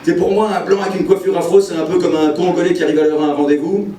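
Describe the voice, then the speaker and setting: A man with a Belgian French accent doing stand-up, brash and provocative, with deadpan punchlines. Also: high voice, very fast, reverberant, recorded from a distance, a little hiss or hum. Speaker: stand-up comedian. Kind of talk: stand-up comedy set. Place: stage before a live audience.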